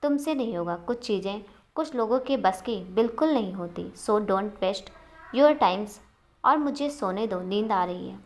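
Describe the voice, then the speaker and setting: A woman voicing a calm, sharp-tongued young wife in a storybook reading. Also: mid-range voice, measured pace. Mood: cutting.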